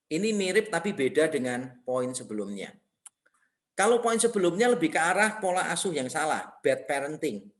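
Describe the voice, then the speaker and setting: A middle-aged man from Indonesia, preaching a sermon in a conversational, storytelling way. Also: on the high side. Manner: conversational, animated storytelling with laughs. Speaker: pastor.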